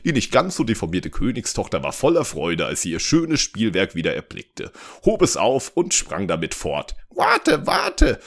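A man, a podcast host, reading a parody fairy tale with animated narration and deadpan asides. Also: sits low, moderate pace, few pauses.

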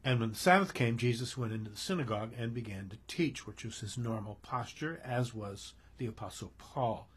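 A man's voice: mid-range voice, expressive, a little fast, hardly any pauses, slightly rough. A man preaching a sermon, explaining a Bible passage and often restating his words to clarify them. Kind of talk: sermon, expository Bible teaching.

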